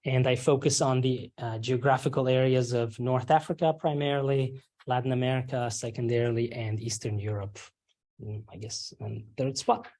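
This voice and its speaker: A man in his thirties from Romania, giving a workshop presentation to faculty in a halting way, with frequent ums and a habit of asking "right?". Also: medium pitch, fairly even intonation, a little mellow. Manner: halting, many ums and uhs, tags rhetorical questions with "right?". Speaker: university lecturer leading a faculty workshop.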